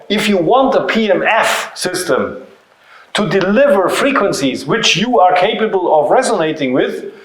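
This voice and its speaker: A native German speaker with a German accent, this man has a high, fairly bright voice. He's a company founder giving an informal, didactic seminar talk in an indoor room, using short emphatic phrases and rhetorical questions. The room is very echoey and reverberant.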